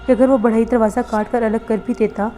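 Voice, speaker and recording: Woman narrating a horror novel. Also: a little high. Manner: steady, dramatic storytelling. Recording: faint background music.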